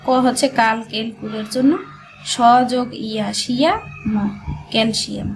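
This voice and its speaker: A woman's voice: on the high side, steady tone, moderate pace, background noise. A woman teaching a shorthand class, breaking words into syllables and repeating them patiently. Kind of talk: slow step-by-step dictation lesson.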